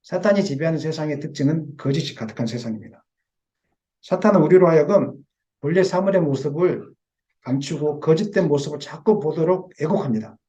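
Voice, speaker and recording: A man's voice: a little high, brisk, dark tone, dull audio. A male pastor preaching a sermon in a church sanctuary and speaking directly and emphatically to his congregation.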